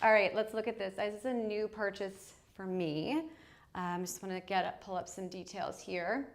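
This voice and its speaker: A woman's voice: mid-range voice, steady tone, moderate pace. Upbeat woman doing a fashion live show, chatty, lots of ums. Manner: chatty, upbeat, many fillers. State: out of breath. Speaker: fashion livestream host. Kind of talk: casual live shopping chat. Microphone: moving away from the mic while changing outfits.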